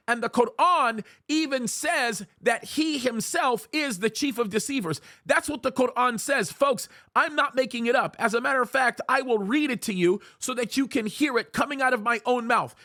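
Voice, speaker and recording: A male pastor with a very high, pushed, bright voice preaches emphatically to his viewers on camera, pleading and repeating phrases for weight. English is his first language and Arabic his second. The studio recording is clean, with no room sound.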